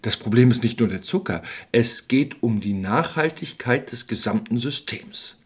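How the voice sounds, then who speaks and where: A man voicing a calm, wise forest environmental expert who speaks in a soothing, lecturing, husky tone. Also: on the low side, normal speed, full character voice.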